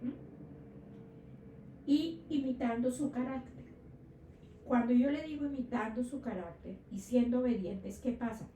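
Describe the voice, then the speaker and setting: A woman's voice: on the high side, a little slow, long pauses, warm tone, slight background noise. A woman preaching a sermon, often asking her listeners rhetorical questions and checking they follow. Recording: echoey room, distant mic.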